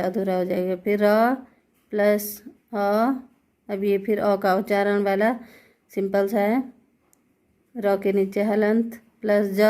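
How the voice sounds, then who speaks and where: A female teacher with a mid-range, slightly mellow voice gives a Hindi grammar lesson. She explains it step by step, posing questions and then answering them herself.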